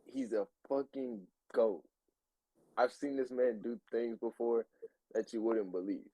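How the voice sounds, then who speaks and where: A man's voice: medium pitch, unhurried, no room sound, poor audio. A young man co-hosting a casual podcast, telling tall tales with a straight face. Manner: playful, tells tall tales deadpan. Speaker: podcast co-host. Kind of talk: casual joking chat.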